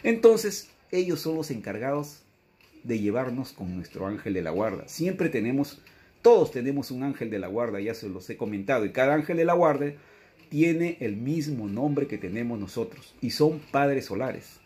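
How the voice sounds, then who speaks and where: A man's voice: medium pitch, very animated, normal speed, darkish tone. Earnest man teaching spiritual lore. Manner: earnest, repetitive, often quotes a messenger. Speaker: religious teacher.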